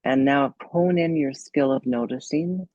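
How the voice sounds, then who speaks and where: Leading a guided meditation, this woman coach speaks in a bass voice, calm and slow with long pauses and gentle instructions. There's no room sound, and the highs are cut off.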